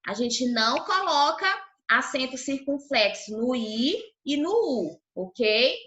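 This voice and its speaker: A woman's voice: high-pitched, sing-song, slow, sharp tone. A Brazilian woman teacher giving an online class to young children, patiently sounding out syllables and checking in often. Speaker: primary school teacher. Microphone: video call. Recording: roomy, dull lo-fi call audio.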